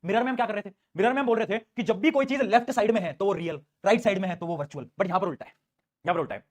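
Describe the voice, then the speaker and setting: A man teaching an online science class, quick and animated, asking students questions and answering them himself. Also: high voice.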